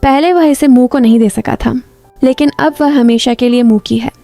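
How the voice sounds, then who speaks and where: Female recap narrator, slightly high voice, smooth and even scripted storytelling. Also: normal speed, soft background music.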